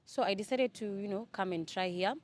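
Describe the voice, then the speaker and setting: A woman's voice: mid-range voice, fairly quick. A young woman from Kenya answering interview questions casually, hesitant with many fillers and restarts. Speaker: interview guest. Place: Dubai.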